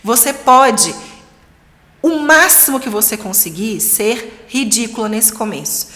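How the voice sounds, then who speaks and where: A woman's voice: fairly high pitch, measured pace. Upbeat Brazilian woman teaching in reverb. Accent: Brazilian Portuguese. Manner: lively, encouraging, coaxing. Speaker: English teacher for parents. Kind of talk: live-streamed lesson. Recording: long reverb.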